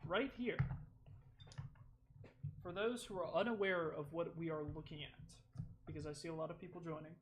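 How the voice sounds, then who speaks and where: A high-voiced man chatting on a live stream, bubbling with excitement and rambling between thoughts. He breaks off to address viewers, then reads passages aloud in the same eager tone. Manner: excitable, rambling, talks to chat. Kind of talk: casual live-stream chat and reading aloud.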